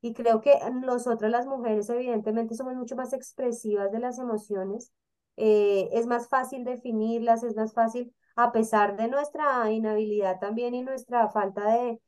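A woman co-hosting a casual panel talk, explaining emotions in an animated way and acting out the people she quotes. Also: on the high side, moderate pace. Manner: animated, acts out quoted voices. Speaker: co-host.

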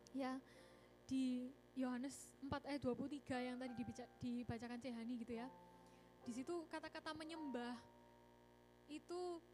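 A woman preaching a casual youth sermon in a church, chatty and animated, often calling the congregation brothers and sisters. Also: high-pitched. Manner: chatty, animated, mixes English words, often says "saudara-saudara". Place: church service.

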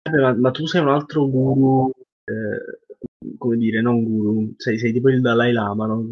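A man's voice: medium pitch, steady tone, unhurried. Young man chatting, slightly muffled. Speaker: podcast co-host. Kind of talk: casual chat. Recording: dull lo-fi online call audio.

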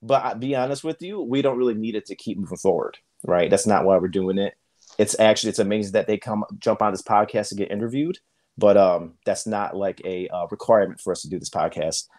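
A man's voice: lowish voice, fairly quick, a little mellow. A man co-hosting a podcast, talking loosely with many fillers and restarts. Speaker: podcast co-host. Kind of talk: casual podcast chat.

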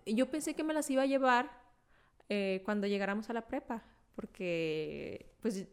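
A young woman hosting a podcast, telling anecdotes in a lively, animated way, acting out quotes and laughing often. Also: a little high, normal speed, clear, resonant tone. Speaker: podcast host. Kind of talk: casual chat.

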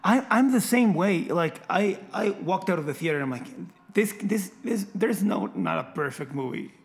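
Animated young man co-hosting a podcast. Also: fairly high pitch, fairly quick, gravelly. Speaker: podcast co-host. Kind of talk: casual podcast chat.

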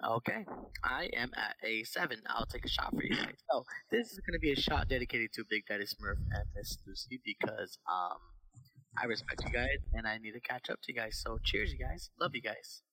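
A man producing a loose podcast, keeping the chat on track in a steady voice of middle pitch. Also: fairly quick, slightly rough, low-quality recording. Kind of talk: casual podcast hosting.

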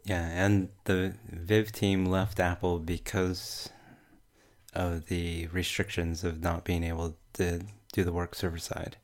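A man with a broad New Zealand accent, talking casually about tech as a podcast panelist in a measured way, pausing mid-sentence. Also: low voice, flat delivery.

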